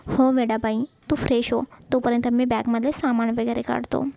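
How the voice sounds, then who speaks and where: A woman's voice: fairly high pitch, flat delivery, moderate pace, creaky, warm tone, dry recording. A woman voicing a playful, doting young husband in a romance story. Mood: tender. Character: young husband, teasing and affectionate.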